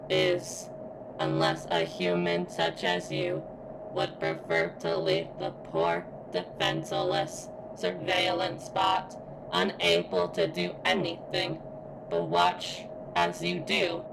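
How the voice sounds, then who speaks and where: A woman performs a heavily acted ASMR roleplay as a female surveillance robot, speaking extremely deep and slow. Her stilted, formal, halting phrasing carries a vulnerable, flirtatious undertone and a pained strain, with gravelly vocal fry over clearly audible background noise.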